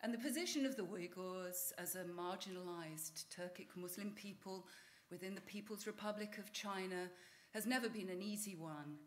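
Woman professor giving a measured lecture. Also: mid-range voice, a little hiss or hum. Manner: measured and formal. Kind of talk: academic lecture. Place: lecture hall stage.

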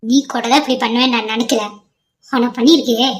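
A woman's voice: on the high side, steady tone, fast, slightly rough, no echo, low-quality recording. A woman voicing a middle-aged village mother in a cartoon, scolding and sarcastic toward her son. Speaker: mother of the groom. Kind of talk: cartoon voice acting.

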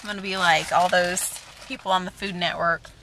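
A woman's voice: lowish voice, fairly even intonation, fairly quick, noisy background. A woman in her thirties chatting casually and rambling to camera from inside a car. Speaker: vlogger. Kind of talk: casual chat. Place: in a car on a road trip.

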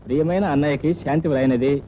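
A man's voice: fairly high pitch, fast, slight background noise, lightly acted. An actor playing a playful, teasing young man who dotes on his sweetheart in an old film dialogue scene. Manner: teasing, affectionate, lively. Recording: dull lo-fi film soundtrack, faint music.

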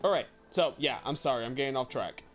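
A man's voice: medium pitch, lively intonation, fast, faint music behind. A man giving rambling, casual gameplay commentary, apologetic and swearing a lot, with a cough. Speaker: gaming YouTuber.

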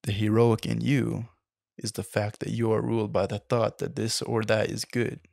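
Lecturer reading text aloud; deep, gravelly, flat delivery, trips over words and self-corrects; dry close sound. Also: male voice, normal speed, no room sound. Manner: stumbles and corrects himself, apologizes mid-reading. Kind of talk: unscripted reading of a book passage.

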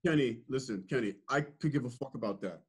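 A man's voice: mid-range voice, fairly quick, husky. A man hosting a podcast, confronting his guest firmly and insistently, cutting in repeatedly. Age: older than guest. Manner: firm, insistent, repeats name to interrupt. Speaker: podcast host.

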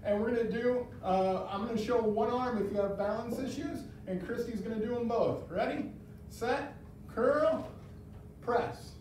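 An extremely high-pitched, darkish male voice, unhurried in pace, belongs to a man in his thirties leading an adaptive fitness class with cheerful step-by-step guidance and encouragement. The far-placed camera catches him from across a large, bare indoor room full of echo, with slight background noise.

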